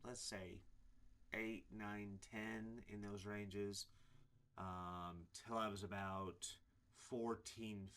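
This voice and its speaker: Low-voiced man in his forties. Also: bright, forceful tone. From Illinois, USA. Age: 40s. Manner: rambling, many fillers and restarts. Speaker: preacher giving his testimony. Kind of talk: casual personal testimony to camera.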